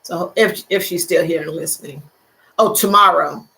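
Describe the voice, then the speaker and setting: Her voice is lowish, creaky, bright and forceful, at a moderate pace, and the audio quality is poor. She's an older woman casually livestreaming, reading viewer comments, laughing a lot and saying the same phrases again.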